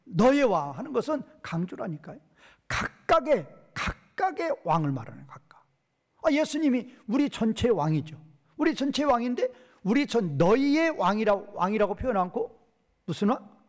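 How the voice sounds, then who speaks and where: A male pastor giving an expository Bible lecture, posing questions to his hearers and answering them himself, reading verses slowly. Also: high voice, sing-song. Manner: reads verses slowly and drawn out.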